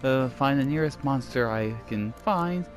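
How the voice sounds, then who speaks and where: A let's play gamer with a mild British-style accent he picked up from TV chats as he plays and reads aloud, rambling and self-conscious. His mid-range voice is animated but unhurried, with faint game music in the background.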